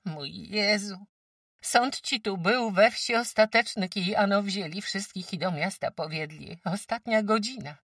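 A woman's voice: medium pitch, a little slow, a bit bright, dry recording, clean studio sound, recorded from a distance, voice pushed up. A woman voicing a careworn peasant farm wife who talks emphatically in rustic speech, lamenting her troubles. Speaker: farm housewife.

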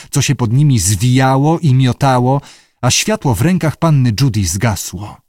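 This is scripted audiobook narration by a man whose voice sits in the mid range. His delivery is expressive and storytelling in style, captured dry with studio quality.

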